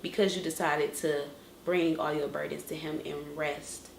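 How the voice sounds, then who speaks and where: A woman's voice: deep voice, level tone, measured pace, vocal fry, echoey room, slight background noise. A young woman vlogging an earnest, emotional faith testimony, often restarting her sentences. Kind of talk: inspirational faith vlog.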